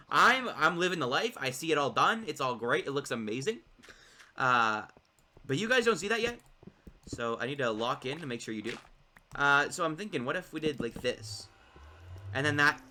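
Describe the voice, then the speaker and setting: A man giving casual, excitable gameplay commentary, rambling to his viewers while he builds, his voice cracking from overuse. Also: mid-range voice, slight background noise. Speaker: gaming video creator.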